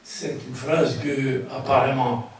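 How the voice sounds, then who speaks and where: An older man, a non-native French speaker with a foreign accent, giving a public lecture in a halting way, searching for his words. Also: medium pitch, fairly even intonation. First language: not French. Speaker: guest speaker, book author. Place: large echoing room at a public conference. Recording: very echoey hall, distant mic, faint noise.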